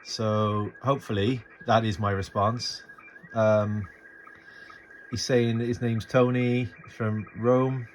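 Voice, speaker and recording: A middle-aged man with a lowish voice takes things slowly and delivers flatly, yet stays enthusiastic and informal as he narrates an unscripted amateur radio tutorial while working. The noisy video was shot with a phone camera microphone.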